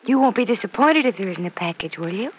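An actress playing a kindly, reassuring aunt, gentle and indulgent, in an old-time radio soap. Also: female voice, medium pitch, lively intonation, fast talker, lightly acted. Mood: gently teasing. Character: kindly, reassuring aunt fond of a little girl. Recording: noisy vintage radio recording.

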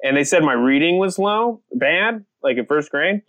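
A young man, a comedian, telling stories on a podcast in a casual, animated way, laughing and swearing freely. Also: on the high side, moderate pace, dull audio. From United States. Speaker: comedian guest.

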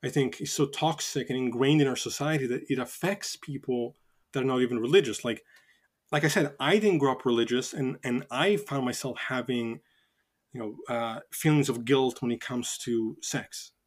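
A man in his thirties whose first language is not English, speaking as a guest on a casual podcast. He talks at a middling pitch, with frequent fillers and restarts as he works through his thoughts. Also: moderate pace. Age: 30s.

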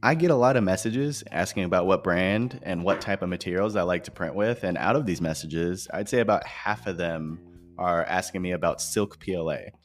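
Low voiced guy hosting a podcast, explaining stuff to listeners, echo off bare office walls, music. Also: normal speed. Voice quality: echoing voice from a bare unfurnished room. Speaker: podcast host. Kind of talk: scripted podcast narration, informal. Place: new empty office without furniture. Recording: echoey empty office, music behind.

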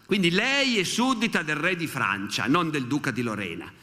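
Older male lecturer with a bright, lively voice, storytelling at a podium, with the long echo of a hall. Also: fairly high pitch, moderate pace. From Italy. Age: 60s. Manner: lively storyteller, quotes historical witnesses in animated asides. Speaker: history lecturer. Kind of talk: public history lecture.

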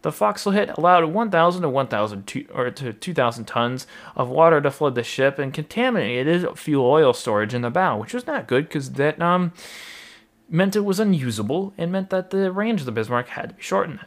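A man's voice: a little high, animated, fairly quick. Casual man narrating naval history. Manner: rambling, many fillers and asides, wry humor.

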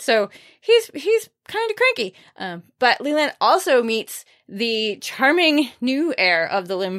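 Here a female podcast host offers book recommendations in easygoing chatter, tossing in subtle, wry comments. She speaks at a mid-range pitch with a fairly bright quality.

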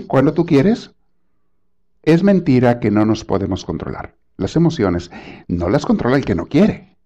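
Male preacher, sermon delivery, punchy and animated. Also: mid-range voice, dull audio. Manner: emphatic, rhetorical questions, scolding.

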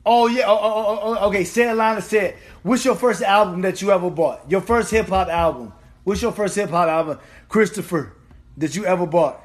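A man with a high-pitched voice co-hosts a casual, slangy discussion. He is excitable and tends to repeat words in bursts as he talks. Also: a little fast. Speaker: podcast co-host. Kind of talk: casual chat.

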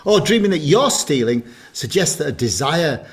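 A man's voice: fairly high pitch, very animated, moderate pace, slightly rough. A middle-aged man, co-hosting a podcast and telling stories with frequent laughs. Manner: chatty storyteller, laughs often. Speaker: podcast co-host. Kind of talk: casual chat.

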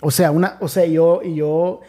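Pastor recounting his conversion, warm low tone, stop-start storytelling. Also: little pitch movement, normal speed. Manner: storytelling with many restarts, acts out quoted voices. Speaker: pastor, podcast guest. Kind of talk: emotional personal testimony.

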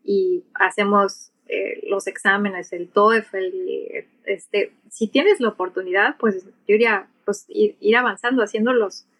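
Here a pilot who teaches aviation English, a middle-aged woman with a Mexican Spanish accent, chats as an interview guest and illustrates her points by acting out examples. Her mid-range voice is steady and a bit bright, unhurried with few pauses, though the audio is poor.

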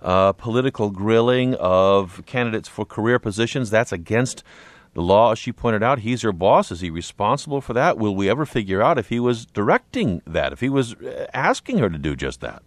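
A man working as a smooth radio host, moderating a call-in discussion and steering measured questions to his guests and callers. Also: on the low side, sing-song, dry recording. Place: radio studio.

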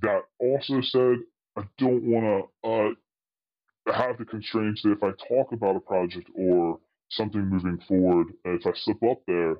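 A man's voice: fairly low pitch, steady tone, normal speed, muffled recording. A man whose voice is altered to hide who he is, answering interview questions hesitantly with many fillers and restarts. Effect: voice altered to disguise identity. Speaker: anonymous guest, tech specialist.

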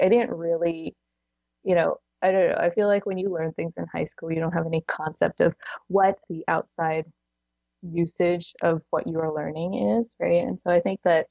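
A woman in her thirties appears as a podcast guest, chatting casually and sprinkling in lots of "like" and little laughs between phrases. Her lowish voice has vocal fry and a warm tone. The sound is lo-fi, with no echo.

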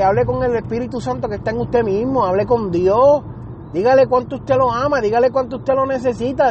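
A man's voice: very high voice, darkish tone, dull audio, a little hiss or hum. A man giving an informal sermon, earnest and repetitive, calling the listener "beloved". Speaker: preacher.

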